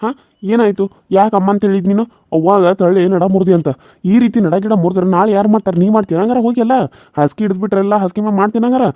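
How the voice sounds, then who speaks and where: Casting: male voice for a fast-talking, high-ish cartoon husband with a North Karnataka accent, reproachful. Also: dark tone, no echo, close to an everyday voice. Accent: North Karnataka Kannada. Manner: lecturing, reproachful. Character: young husband, stern and quick-tempered. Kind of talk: Kannada cartoon serial voice acting.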